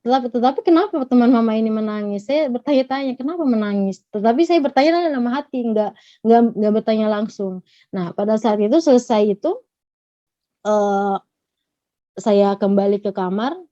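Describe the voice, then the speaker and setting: A woman from Gorontalo giving a personal testimony, retelling her story in a halting, earnest way. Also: medium pitch, dark tone, dry recording. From Gorontalo, Indonesia. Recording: dull lo-fi recording.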